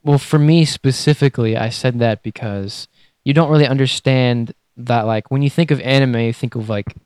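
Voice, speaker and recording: A young man co-hosting a podcast, telling a story in a rambling, hesitant way that trails off quietly. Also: medium pitch, moderate pace, clean tone, no echo. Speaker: podcast co-host. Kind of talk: casual chat.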